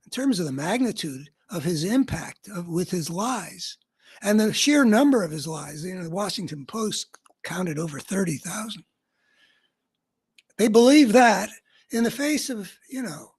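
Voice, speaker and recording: In a political monologue on the radio, a man works through his thoughts aloud, earnest and searching, in long, meandering sentences. His high-pitched voice is somewhat husky and slightly breathy.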